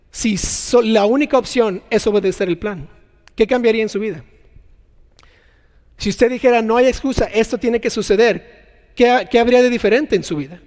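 A man preaching a sermon in an animated way, acting out scenes and making sound effects. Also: high voice, long reverb tail.

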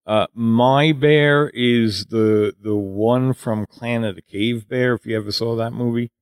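A man's voice: medium pitch, fairly even intonation, measured pace, clean tone, no echo. A man co-hosting a casual movie review chat, rambling and critical with lots of fillers.

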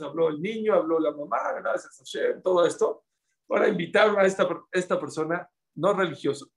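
Animated middle-aged man, preaching. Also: on the high side, rough recording. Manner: animated, repeats words for emphasis. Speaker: rabbi giving a class. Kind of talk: sermon with storytelling.

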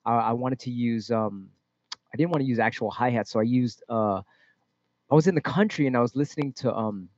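A man, a music producer, talking in a casual interview, halting and swearing freely as he explains his tracks. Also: medium pitch, a little mellow, no room sound, dull audio.

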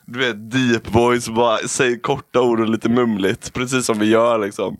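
A young man hosting a casual podcast chat, a lively storyteller who swears freely and laughs often. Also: medium pitch, dry recording, clean studio sound. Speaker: podcast host.

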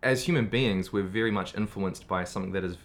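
A man's voice: low voice, fast talker. A man speaking as a guest in a casual podcast conversation about medical research, thoughtful and full of "you know" fillers.

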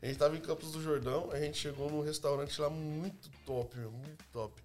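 A young man telling personal stories in a casual podcast chat, lively, laughing, and acting out the people he quotes. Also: on the high side, fairly quick, soft background music. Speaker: youtuber and podcast guest.

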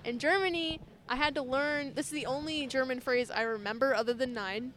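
Playful young woman, slightly high voice. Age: 20s. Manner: playful, deadpan jokes, quick laughs. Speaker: convention guest. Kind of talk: casual chat.

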